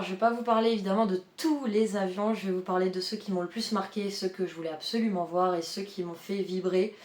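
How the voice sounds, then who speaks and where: A woman's voice: medium pitch, darkish tone, echoey room. A woman of twenty-nine, chatting casually in a vlog with many fillers as she reads out a schedule. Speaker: vlogger, airline pilot student.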